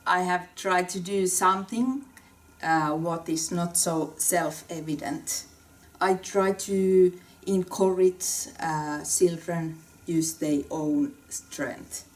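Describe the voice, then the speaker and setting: A woman introduces her design work, pausing and hesitating between phrases. She talks slowly in a lowish voice. She sounds a little distant from the microphone. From Finland. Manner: hesitant, with pauses and fillers. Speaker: graphic designer. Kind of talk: prepared self-introduction.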